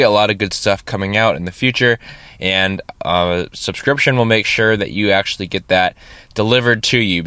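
A man's voice: fairly low pitch, sharp tone, smooth, dry recording. A man hosting his own podcast in a casual, rambling way, his voice stuffy and nasal from a cold and often tagged with "right?". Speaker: podcast host. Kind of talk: casual solo podcast talk. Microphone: studio podcast microphone.

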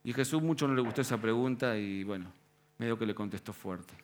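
A man's voice: mid-range voice, quick pace. Conversational Rioplatense preacher man. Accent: Rioplatense Spanish. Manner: conversational, slang-laced preaching with rhetorical questions. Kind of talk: sermon.

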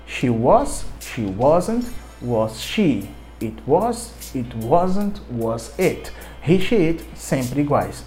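An English teacher with a Brazilian Portuguese accent giving a podcast lesson, drilling verb forms in a deliberate way, repeating words and spelling them out. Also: medium pitch, sing-song, dark tone, faint music behind.

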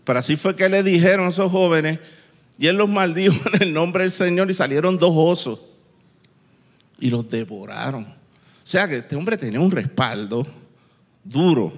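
Animated preacher in an echoing hall. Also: male voice, fairly high pitch, moderate pace, pauses often. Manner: animated storytelling with sound effects and quoted voices. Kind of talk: sermon. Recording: long reverb in a large hall.

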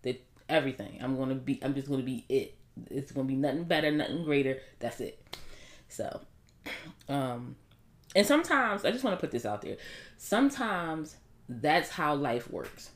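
A woman in her thirties with a low, dusky voice. She speaks in a casual, blunt monologue to her viewers, full of slang, and gets animated when she makes a point. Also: moderate pace. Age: 30s. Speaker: vlogger.

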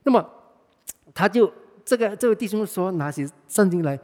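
A man's voice: high voice, lively intonation, normal speed, a little mellow. A man with a Malaysian Mandarin accent preaching a sermon, telling a story in a conversational way and often repeating and restarting his words. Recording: reverberant hall.

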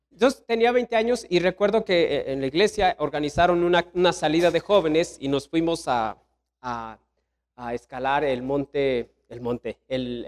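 A middle-aged man with a Mexican accent, preaching a sermon as pastor, telling lively stories and tossing rhetorical questions at the congregation. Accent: Mexican Spanish. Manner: animated storytelling preacher, sweeping pitch swings, rhetorical questions.

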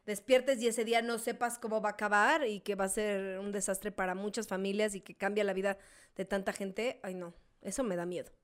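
Expressive Mexican woman chatting. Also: medium pitch, a little fast. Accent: Mexican Spanish. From Mexico City. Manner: expressive, slangy. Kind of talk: casual podcast chat.

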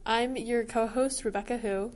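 A teenage girl co-hosting a review podcast in a relaxed, chatty way. She laughs easily and doesn't sweat the details. Her voice sits a little high. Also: moderate pace. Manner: easygoing, laughs often. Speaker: co-host. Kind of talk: casual chat.

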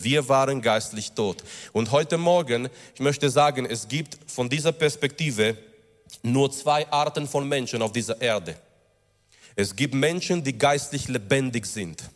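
A male pastor preaching a sermon with emphatic stresses, slowing down on key words and building up in pitch and loudness. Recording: long reverb of a large hall.

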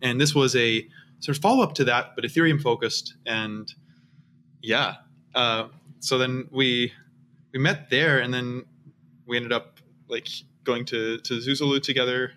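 A man's voice: medium pitch, steady tone, unhurried, pushed and bright, a little hiss or hum. Man rambling through a casual interview. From Austria, raised in the US. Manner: rambling, many restarts and fillers. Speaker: guest, startup founder.

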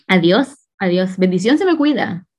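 A woman's voice: mid-range voice, animated, moderate pace, a little mellow. A woman with a Chilean accent chatting casually, telling stories in a slangy, laughing way. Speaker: podcast co-host. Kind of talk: casual chat.

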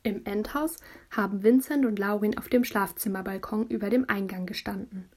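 Narrating a children's audiobook, a woman uses a lively storytelling voice and tells the tale as a child would. She speaks at a normal speed in a mid-range voice.

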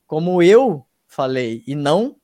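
A man's voice: a little high, big pitch swings, takes it slowly, dark tone, no echo, studio quality. A man telling his story as a guest in a casual interview, slangy and emphatic, swearing freely and often checking in with his listeners. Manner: emphatic, often asks "tá ligado?". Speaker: guest, YouTube reaction channel host.

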